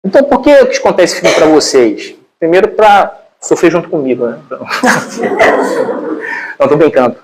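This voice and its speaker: Man, brazilian portuguese accent, lecturer, animated colloquial storytelling, lots of fillers, a bit high-pitched. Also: brisk, few pauses, background noise. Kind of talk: informal lecture, retelling a film.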